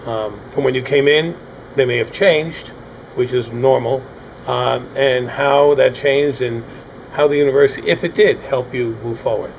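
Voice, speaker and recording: A man's voice: medium pitch, steady tone, moderate pace, gravelly, slight background noise, low-quality recording. A man hosting a panel discussion with students, asking rambling, hesitant questions. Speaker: host.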